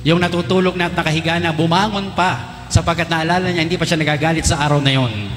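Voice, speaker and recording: Teasing Filipino priest in an echoey church. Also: male voice, fairly high pitch, a bit bright. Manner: teasing, quizzes the crowd with rapid questions. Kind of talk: lively homily to a congregation. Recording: echoey church with long reverb, faint music.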